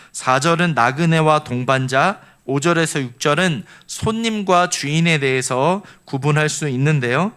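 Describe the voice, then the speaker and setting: Earnest, fairly high-voiced male pastor. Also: fairly bright tone. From Seoul, South Korea. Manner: earnest, explanatory, leads the congregation in repeating lines. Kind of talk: sermon.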